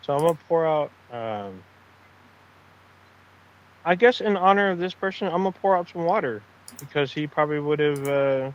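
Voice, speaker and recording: A man co-hosting a podcast, giving a casual tribute from notes in a halting way, with pauses mid-sentence. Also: on the high side, expressive, clear, resonant tone. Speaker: podcast co-host. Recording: dry, slightly dull lo-fi mic.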